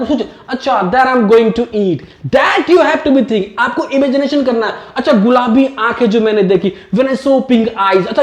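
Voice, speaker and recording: A man's voice: very high voice, roomy sound. A man giving a motivational spoken-English lesson, mixing Hindi with simple English phrases and repeating each point. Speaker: English teacher.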